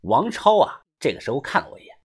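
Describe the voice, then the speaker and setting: A man tells a first-person story in the manner of an audiobook, swinging his tone dramatically. His voice is husky with some breath in it. The pitch rises and falls animatedly. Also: huge pitch swings, fast talker. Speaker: narrator.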